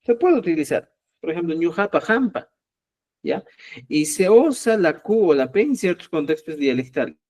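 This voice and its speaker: Patient teacher with a dark voice. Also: male voice, fairly high pitch, sing-song. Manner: patient and explanatory, checks understanding with frequent "¿ya?"; repeats example words slowly, syllable by syllable. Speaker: Quechua language teacher. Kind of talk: live online class for teachers.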